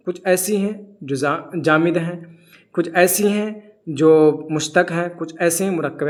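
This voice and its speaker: A man teaching a grammar lesson. He asks questions and answers them himself, and recites examples as short lists of words. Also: on the high side. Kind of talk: grammar lesson explaining from a textbook.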